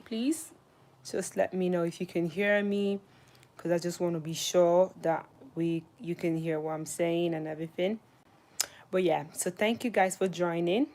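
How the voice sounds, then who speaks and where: A young woman from Italy hosting a casual livestream, chatting with viewers and telling a story about her first job. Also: mid-range voice. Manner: chatty, greets viewers by name between story bits. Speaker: livestream host.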